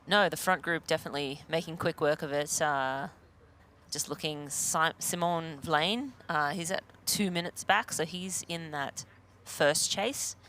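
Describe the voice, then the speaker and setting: A man's voice: on the high side, a little slow, pushed and bright, a little hiss or hum. Hesitant man co-commentating a race. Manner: hesitant, many uhs while checking details. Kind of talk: live sports commentary.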